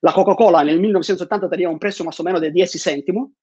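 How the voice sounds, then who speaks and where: Speaking rapid-fire in a high, husky voice with a dark tone, this man delivers an online conference talk from home through a lapel mic. He leans on fillers and repeats words often, and the video call audio is dull and dry without any echo.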